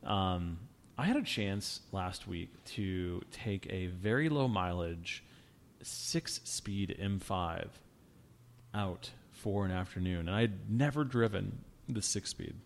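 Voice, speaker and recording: A man with a low, gravelly voice chats easily as a show host. He rambles through his stories and often restarts his sentences. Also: takes it slowly, slight background noise. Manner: relaxed, rambling storyteller with many restarts. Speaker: podcast host. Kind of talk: casual car chat.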